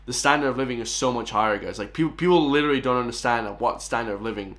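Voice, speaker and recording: A man's voice: medium pitch, very fast. Chatty Irish man reacting. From Ireland. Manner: chatty, excitable, addresses viewers as guys. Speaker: reaction video host. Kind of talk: casual reaction commentary.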